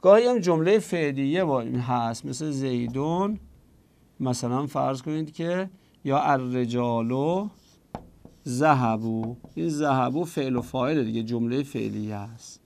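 Gravelly man teaching grammar slowly. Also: medium pitch, a little mellow. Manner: explains step by step, slows on the quoted examples; asks and answers his own questions. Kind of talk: classroom grammar lecture.

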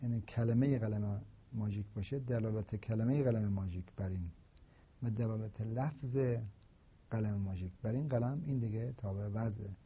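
Man, husky voice, philosophy lecture, slow deliberate explaining, dull lo-fi recording. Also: on the low side.

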